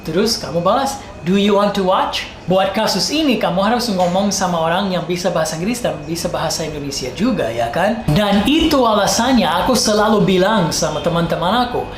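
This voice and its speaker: Casting: American woman, native English, foreigner speaking Indonesian; slightly low voice, casual emphatic tutor, echoey room. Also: expressive, fairly quick, few pauses, a crowd in the background. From United States. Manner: emphatic, repeats example phrases. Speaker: English teacher. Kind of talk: casual tutorial for online video. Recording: roomy echo, faint background noise.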